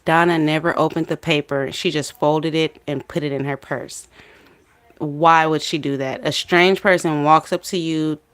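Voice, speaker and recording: Low-voiced woman chatting about a trial. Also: clean tone. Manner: chatty, gossipy, opinionated. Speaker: livestream host. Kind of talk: casual commentary on a trial.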